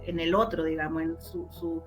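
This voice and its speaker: A woman's voice: low-pitched, little pitch movement, normal speed, soft background music. A woman with a Chilean accent talking reflectively and expressively in an interview, often repeating words for emphasis. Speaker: interviewee, radio drama and audio story producer. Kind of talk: conversational interview.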